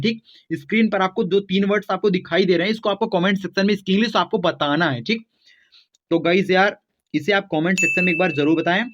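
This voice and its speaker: A man teaching a beginners' spelling lesson, spelling words out letter by letter and often checking in with his students. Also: high-pitched. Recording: dull lo-fi sound.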